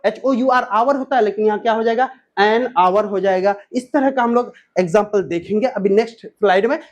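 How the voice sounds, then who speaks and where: A man teaching an exam-prep grammar lesson, who asks questions and answers them himself, repeats key points and spells words out letter by letter. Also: extremely high pitch.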